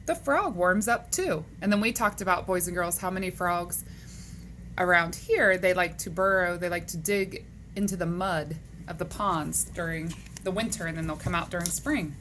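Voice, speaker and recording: A woman reads a children's picture book aloud, using expressive, swooping intonation and a leisurely, question-and-answer style for little listeners. Her pitch is medium, and the recording is slightly noisy.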